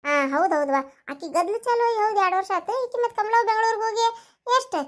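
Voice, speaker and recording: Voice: very high voice, lively intonation. A performer voicing a gossiping married village woman with a North Karnataka Kannada accent in a cartoon comedy. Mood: gossipy. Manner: rapid, gossipy storyteller.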